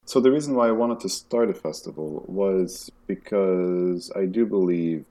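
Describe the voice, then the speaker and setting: A man from Belgium, a music festival director, talking casually in a soft, measured way with frequent pauses. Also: deep voice. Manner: soft-spoken, measured, hesitant with ums. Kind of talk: casual interview conversation.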